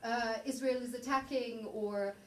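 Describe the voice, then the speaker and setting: A woman with a fairly high voice speaks earnestly and with emphasis. She is off the mic in an echoey room, with faint noise behind her. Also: steady tone, a little slow, recorded from a distance. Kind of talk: post-show talk.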